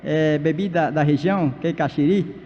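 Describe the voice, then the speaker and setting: A Baniwa-speaking pastor and missionary from Amazonas, Brazil, preaches a sermon at a church leaders' conference in a large hall. His voice is on the high side with a dark tone, and his halting delivery is full of fillers and restarts. The recording comes through a dull, reverberant church PA.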